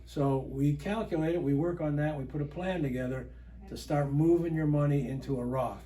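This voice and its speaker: Financial advisor guy, mellow voice kinda high, explains things steady. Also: normal speed. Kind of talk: casual chat.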